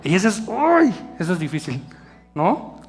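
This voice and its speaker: A middle-aged Mexican man preaches to a church youth group in a chatty, animated way, tossing in asides and questions to his listeners. His voice sits a little high for a man. Soft music plays faintly beneath him. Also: normal speed. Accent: Mexican Spanish. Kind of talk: sermon.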